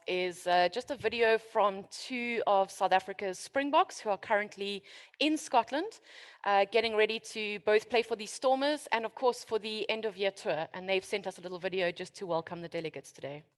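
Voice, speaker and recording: A woman's voice: mid-range voice, no echo. Hesitant woman hosting a conference session. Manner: informal, halting, many fillers. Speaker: conference host. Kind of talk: hosting a business showcase session.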